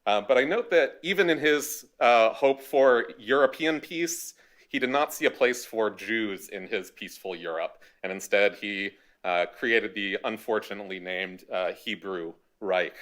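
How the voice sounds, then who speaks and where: At a university event, a male history panelist delivers a measured academic talk with a dry, wry touch, in a lowish, slightly bright voice.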